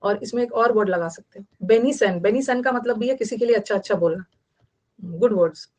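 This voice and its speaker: A woman's voice: mid-range voice, brisk, darkish tone. A young adult woman with an Indian accent teaching vocabulary online, explaining in Hindi mixed with English and repeating key words.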